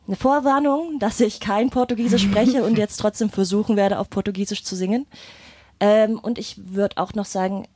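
In a casual interview, a singer and guitarist appearing as a guest shares her story hesitantly and thoughtfully, speaking into a microphone. Her voice is medium-pitched with a dark tone and no room sound.

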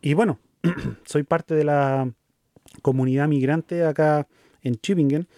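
A Chilean man in his thirties co-hosting a casual conversation, speaking thoughtfully with pauses and fillers. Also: fairly high pitch, steady tone, mellow, no echo, studio quality. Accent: Chilean Spanish. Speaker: co-host.

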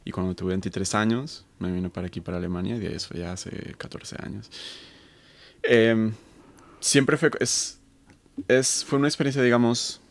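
Interview guest from Colombia, thirties, deep and gravelly, reflective, restarts often. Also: male voice, normal speed. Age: 30s. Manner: thoughtful, many fillers and restarts. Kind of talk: conversational interview.

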